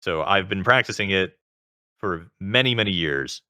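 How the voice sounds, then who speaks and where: A man with a very low-pitched voice edged with vocal fry, speaking as a guest in a conversational interview. His tone is forceful and bright, and the sound is close and dry. He explains things in a measured way, adding qualifications as he goes. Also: lively intonation, no room sound. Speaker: interview guest, self-taught singer.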